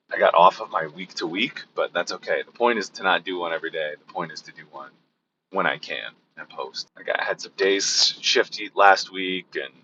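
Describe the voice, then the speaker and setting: Hoarse, sick-voiced man with a deep, bright tone. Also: dull audio, slight background noise. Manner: rambling, relaxed, with fillers and restarts. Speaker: vlogger. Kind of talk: casual daily vlog update.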